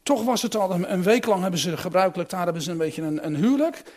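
A man's voice: sits high, expressive, fast, a little mellow. A man reading a Bible passage aloud and then explaining it in a musing, conversational way with a few restarts.

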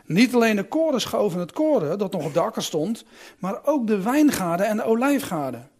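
Lively man reading and explaining Scripture. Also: high-pitched, fairly quick. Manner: lively, musing, with restarts. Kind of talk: Bible reading and commentary.

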